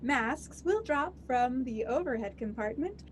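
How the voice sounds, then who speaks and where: A sharp-tongued flight attendant, played by a woman, talks in a fairly high voice and needles the passengers with cheeky asides. Faint background noise sits under her voice. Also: lively intonation, unhurried. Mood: mocking. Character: sassy wisecracking female flight attendant. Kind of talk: comedy sketch acting.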